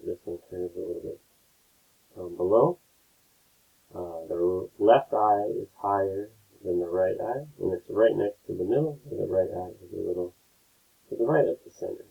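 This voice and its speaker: A low, gravelly male voice walks students through a painting demonstration in a relaxed, step-by-step way, often tagging his points with a quick question. The sound is a thin, low-quality stream that sounds like it is coming through a phone line. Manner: relaxed, explains step by step, keeps checking in with "right?". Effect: low-quality, tinny stream audio. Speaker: art teacher.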